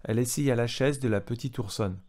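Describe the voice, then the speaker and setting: A man's voice: mid-range voice, a little fast, warm tone. A man reading a storybook aloud to a child, stopping to retell parts in plain words and ask the child questions.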